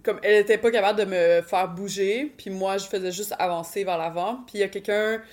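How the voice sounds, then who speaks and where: A woman's voice: mid-range voice, fairly even intonation, brisk, darkish tone. A woman with a Quebec French accent giving casual interview answers, informal and sprinkled with English words. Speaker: Muay Thai fighter and coach.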